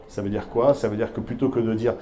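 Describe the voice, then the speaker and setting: A man whose voice is on the low side, steady and mellow, speaks at a quick pace while teaching a live masterclass to business leaders. Into a handheld mic, he addresses them directly, emphatic and repetitive about key words.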